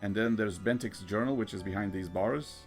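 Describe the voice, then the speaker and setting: Male gamer for a casual playthrough, lowish gravelly voice, halting and thinking aloud, clear game music underneath. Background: video game music.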